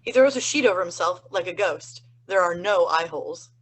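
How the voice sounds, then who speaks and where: Woman reading stage directions, low. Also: animated, fairly quick, rough recording. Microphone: video call.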